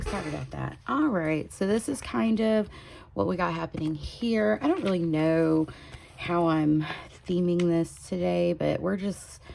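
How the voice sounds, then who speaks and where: A woman with a drawl talks through her weekly planner in an unhurried, chatty way. Her voice is low, mellow and heavy with vocal fry. A faint hiss sits under the home recording. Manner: chatty, drifts into soft whispers while working. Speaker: planner vlogger. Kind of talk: casual plan-with-me chat. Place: home desk.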